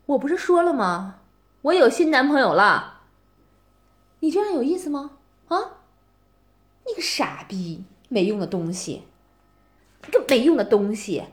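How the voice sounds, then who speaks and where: Speaking at a measured pace with long pauses, a high-voiced woman whose pitch swings widely plays a scornful young woman mocking her ex in a one-person audio roleplay. She sneers, curses, insults him, and taunts again and again with "啊？".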